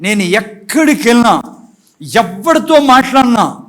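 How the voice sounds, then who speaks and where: A man preaching a sermon in church, asking the congregation questions and breaking into emphatic shouts, with English phrases mixed into his talk. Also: very high voice, big pitch swings, measured pace. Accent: Telugu. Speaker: pastor.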